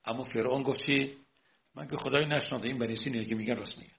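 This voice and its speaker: Male cleric lecturing, gravelly, soft asides then loud emphatic preaching, dull lo-fi recording. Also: medium pitch, steady tone. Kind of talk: religious lecture.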